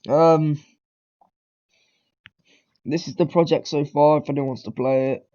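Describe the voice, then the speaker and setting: Over dull audio, a man of medium pitch and slightly mellow tone chats through a beginner programming lesson. A cold has him clearing his throat often, and he rambles, says um a lot, and keeps fixing his own mistakes.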